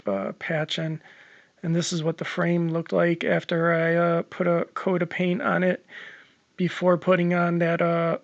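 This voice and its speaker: A homeowner vlogger with a fairly high, fry-laden voice rambles casually about his home-repair project, full of ums and the occasional swear. He's losing his voice, so it sounds a bit worn, and the recording is dry and dull.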